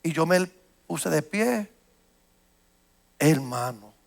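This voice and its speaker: High-voiced gravelly male preacher telling a story. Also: very slow. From United States. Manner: storytelling with repeated restarts, animated. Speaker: pastor. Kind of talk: sermon.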